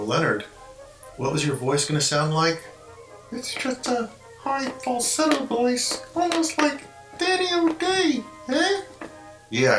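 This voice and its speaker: Male ventriloquist, low and bright-toned, casual rambling show-and-tell, roomy recording. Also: vocal fry. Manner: rambling, explains as he handles the puppet. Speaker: ventriloquist and puppet collector. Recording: roomy echo, faint music behind.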